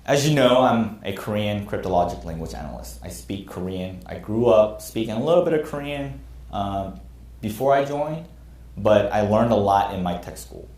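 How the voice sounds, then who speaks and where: In an echoey classroom, a thirtysomething man lectures as a military instructor, open and earnest about his past errors. He speaks at normal speed in a fairly low, darkish voice with lively intonation.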